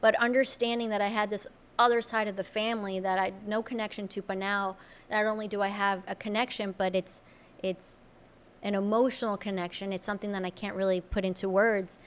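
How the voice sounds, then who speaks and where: Female podcast guest, Colombian-born Spanish native; mid-pitched, earnest, reflective, halting restarts. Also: flat delivery, clear, resonant tone. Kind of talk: casual conversational interview.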